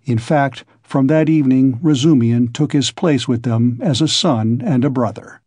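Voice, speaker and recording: A man narrating an audiobook in a measured, even storytelling manner. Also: medium pitch, dry recording. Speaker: audiobook reader.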